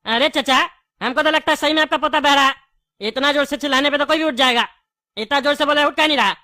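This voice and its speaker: A woman playing a chatty male candy shopkeeper in a comedy skit, quick to argue and laughing often. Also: sits high, sharp tone, slight background noise. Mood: indignant. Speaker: comic skit actor.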